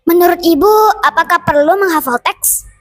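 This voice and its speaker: A woman's voice: extremely high pitch, normal speed. A woman student interviewer who reads short interview questions.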